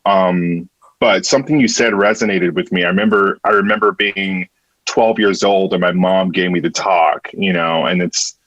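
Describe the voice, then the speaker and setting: A man's voice: sits low, fairly even intonation, normal speed, fairly bright tone, no room sound, lo-fi sound. A man who works as a theatre director, talking earnestly in a casual conversation and often restarting and repeating words.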